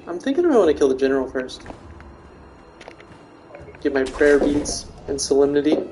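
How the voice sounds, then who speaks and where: A man's voice: fairly high pitch, noisy background. A man streaming a video game, chatting casually and joking with his audience in a rambling way. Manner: joking, rambling, talks to chat. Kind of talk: casual live-stream chat while gaming.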